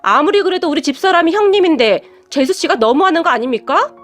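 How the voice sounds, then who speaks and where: Woman doing a pushy hot-headed brother-in-law, slow accusing, high voice. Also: lively intonation, soft background music.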